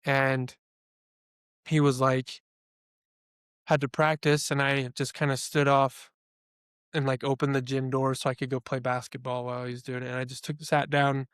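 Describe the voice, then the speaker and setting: A man's voice: mid-range voice, little pitch movement, normal speed, pauses often, a bit bright, smooth, dry recording, studio quality. A young man co-hosting a podcast in a casual, chatty way, sharing opinions and filling his talk with "like". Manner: chatty, opinionated, heavy use of "like". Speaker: podcast co-host. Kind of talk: casual chat.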